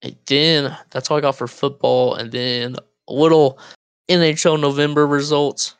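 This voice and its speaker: A man's voice: fairly high pitch, flat delivery, normal speed, clean tone, no echo. A young man co-hosting a casual podcast over a voice call, joking loosely and laughing often. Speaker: podcast co-host. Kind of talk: casual chat. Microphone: Discord voice call.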